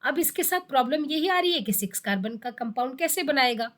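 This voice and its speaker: A woman gives a biology lesson for exam students, her voice sitting high. She explains step by step, repeats terms for emphasis and poses questions to herself before answering. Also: animated, fairly quick, fairly bright tone. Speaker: biology teacher. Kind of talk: exam-prep lecture.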